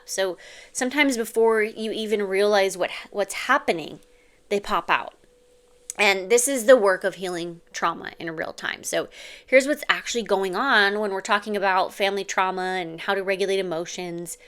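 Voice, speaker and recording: A woman's voice: mid-range voice, fairly bright tone, clear, resonant tone. Earnest woman parenting coach talking to camera. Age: adult mother. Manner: earnest, confiding, uses "like" and "okay?". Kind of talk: direct-to-camera advice talk.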